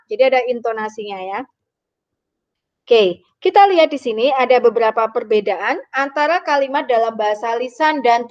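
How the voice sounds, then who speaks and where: A woman's voice: sits high, highs cut off. A woman teacher explaining a grammar lesson patiently, acting out example sentences as she goes. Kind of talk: online lesson.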